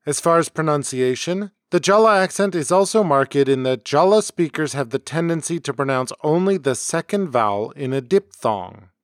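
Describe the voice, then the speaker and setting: A man hosting a homemade podcast, reading a scripted lesson in a measured, explanatory way. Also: fairly high pitch, expressive, no room sound, studio quality. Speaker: podcast host. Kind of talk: scripted educational narration. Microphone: close home mic.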